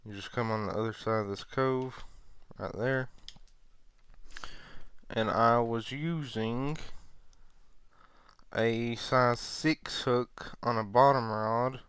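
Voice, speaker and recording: A man giving a casual, informal gameplay tutorial as host, in an unhurried way. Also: mid-range voice, a bit bright, smooth, no echo. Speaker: video game guide host. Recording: ceiling fan in the background. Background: ceiling fan.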